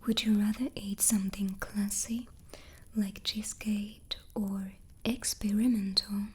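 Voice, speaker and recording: A woman hosts a whispered ASMR chat, snacking on cookies close to the microphone while answering questions. She keeps to a soft unvoiced whisper throughout, and her mid-range voice is slightly rough.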